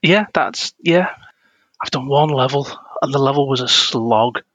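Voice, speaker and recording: Gaming-podcast co-host, young man, bright forceful tone, dry close sound, rants and jokes. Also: medium pitch, a little slow, no echo, highs cut off. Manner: ranting, self-deprecating, laughs often. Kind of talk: casual gaming podcast chat.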